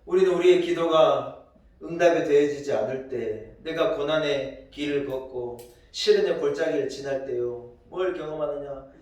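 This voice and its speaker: A male pastor preaching a sermon with emphatic, rising delivery that swells into loud exclamations, recorded in a church. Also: fairly high pitch, normal speed, distant mic. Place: church sanctuary. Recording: very echoey hall, voice from afar.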